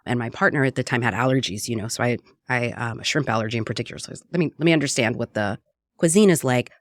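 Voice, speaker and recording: A woman's voice: a bass voice, quick pace, no echo, studio quality. Earnest reflective woman interview guest. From Puerto Rico. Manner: earnest and reflective, frequent "right?" tags. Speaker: guest, cookbook author and radio producer. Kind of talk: conversational interview.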